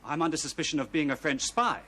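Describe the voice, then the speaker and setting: An actor playing a young boat commander in a period television drama, guarded, clipped and defensive. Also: male voice, on the high side, animated, fast talker, a bit bright. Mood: guarded defiance. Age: young adult.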